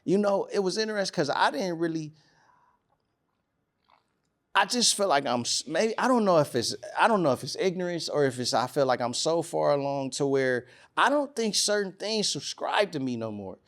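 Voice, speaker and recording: A man's voice: fairly high pitch, lively intonation, moderate pace, a bit bright. Casual man rambling in a podcast chat. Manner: rambling, restarts often, emphatic when making a point. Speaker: podcast host. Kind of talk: casual studio conversation. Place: podcast studio.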